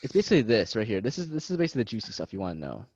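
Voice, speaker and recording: Talking very fast and very animatedly, this young man leads his classmates through a relaxed study session, cracking jokes at his own expense. His low voice has a darkish tone and a breathy edge, heard through dull, lo-fi video call audio.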